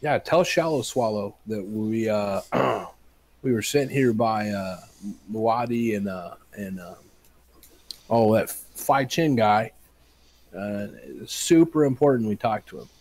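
A man's voice: on the low side, takes it slowly, a little mellow, no echo. A man playing a tabletop game, joking and bluffing his way through scenes. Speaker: player.

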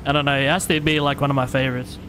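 A man's voice: mid-range voice, little pitch movement, very fast, noisy background. A man streaming a video game, chatting and joking with his teammates, often stumbling over his words and restarting. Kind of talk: casual gaming chat with teammates.

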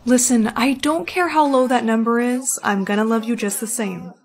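A text-to-speech woman's voice reading several roles in a storytime tale, with an even, clipped synthetic delivery. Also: fairly high pitch, normal speed, vocal fry.

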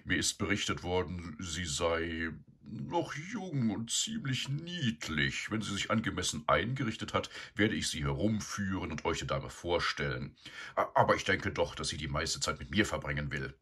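Guy doing a stuffy vain old pig, deep voice, all puffed up. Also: big pitch swings, moderate pace, fairly bright tone, breathy edge, heavily acted. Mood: pompous. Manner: pompous, flustered. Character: pompous vain older boar. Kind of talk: storybook reading.

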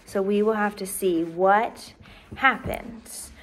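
A woman in her twenties, acting as a teacher, reads a children's book aloud in a small decorated indoor room. Her mid-range voice moves slowly, and her narration is expressive and clearly paced.

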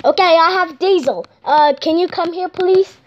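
A woman voicing a male toy tank engine in a halting toy play-along, with many fillers. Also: very high-pitched, lo-fi sound, slight background noise, voice pushed up. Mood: eager.

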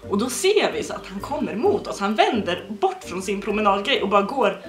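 A young woman telling a story casually to a friend, animated and often laughing as she quotes people. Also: medium pitch, soft background music. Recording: echoey room.

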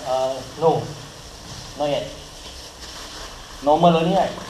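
A man's voice: fairly high pitch, fairly even intonation, slow pace, mellow. A man with a Singaporean accent chatting casually in clipped Singlish phrases with sentence-end particles. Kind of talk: casual chat. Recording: echoey room, noisy handheld action camera.

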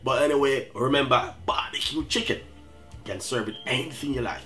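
A man's voice: medium pitch, normal speed, bright, forceful tone. Jamaican man, middle-aged, home-cooking host, easygoing chatty delivery, music bed underneath. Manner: chatty, repeats "guys" and "you know what I mean". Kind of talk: casual cooking demonstration.

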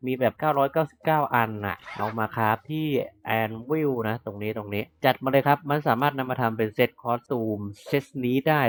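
A young man hosting a game let's play, chatting excitedly to viewers and laughing at his own mispronunciations. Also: medium pitch. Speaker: gaming channel host. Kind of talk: Terraria let's play commentary.

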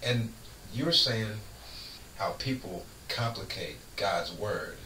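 A man's voice: fairly low pitch, animated, slow, pushed and bright, recorded from a distance. A middle-aged man hosting a radio show, talking about faith in a folksy, emphatic, preachy way and laughing often. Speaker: radio host. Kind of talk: casual faith talk. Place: radio studio. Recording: roomy studio, off-mic, faint hiss.

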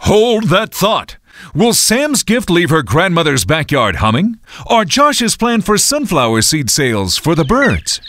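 Man narrating with swooping pitch. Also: huge pitch swings, measured pace, fairly bright tone, no echo. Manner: explanatory, upbeat. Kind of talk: scripted educational narration.

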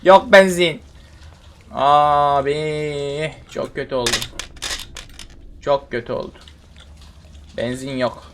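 A man's voice: mid-range voice, flat delivery, slow, pauses often, noisy background. A young man giving casual, exasperated commentary while playing a horror game, repeating himself and muttering complaints. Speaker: gamer streaming a horror game.

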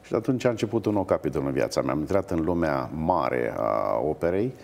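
A man's voice: very deep voice, gravelly, slight background noise. A middle-aged man, an opera singer, telling stories with hesitations in a TV interview. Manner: animated anecdotes with hesitations. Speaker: guest, opera bass-baritone. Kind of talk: storytelling in a TV interview.

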